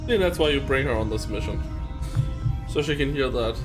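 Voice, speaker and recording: A man's voice: mid-range voice, moderate pace. A man giving casual, wry commentary as he plays through a video game. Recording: game music behind the voice.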